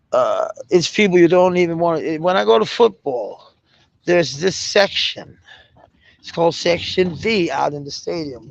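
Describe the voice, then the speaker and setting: A man's voice: fairly high pitch, creaky, lo-fi sound. A Danish man with a Danish accent chatting casually on a livestream, rambling, swearing freely and breaking into laughter often. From Denmark.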